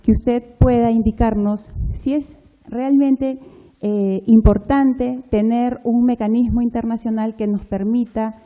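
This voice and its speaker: A woman moderating a formal conference panel, explaining things in a halting way. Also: on the high side, steady tone, warm tone.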